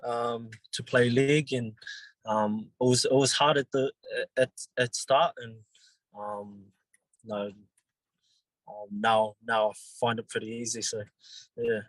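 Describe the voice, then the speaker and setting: A young New Zealand man in his twenties, a rugby league player answering interview questions in a halting, casual way with many pauses and restarts. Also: mid-range voice, level tone, no room sound, low-quality recording.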